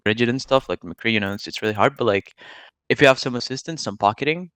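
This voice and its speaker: This nineteen-year-old from Serbia talks fast in a mid-range, fairly bright voice while interviewed about gaming and streaming. He's casual, slangy and full of opinions, going on at length. The recording has no room sound.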